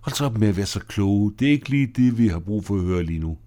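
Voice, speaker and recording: A man voicing a stern man who takes charge and orders the others to calm down, in an audio drama. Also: fairly low pitch, close to an everyday voice. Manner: stern, commanding.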